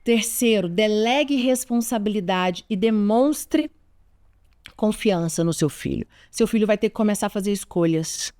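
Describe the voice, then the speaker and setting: A woman's voice: medium pitch, normal speed, mellow. A woman in her forties with a Brazilian Portuguese accent, giving parenting advice straight to her listeners in an earnest, emphatic way, often repeating her key points. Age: 40s. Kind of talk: direct-to-camera advice talk.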